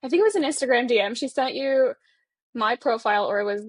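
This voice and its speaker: A woman's voice: a little high, animated, husky, no echo. A young woman from northern Bangladesh, a Bangla speaker, chatting as a podcast guest in a friendly, giggly way. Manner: friendly, giggly, quick, trailing asides. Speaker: guest, writer. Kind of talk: casual interview chat.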